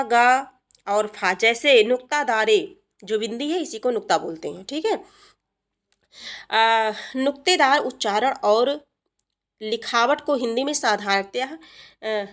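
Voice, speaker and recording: Patient woman teaching grammar, fairly high voice. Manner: explains patiently with many fillers and repetitions; asks the class questions and answers them herself. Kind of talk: exam-prep grammar lesson.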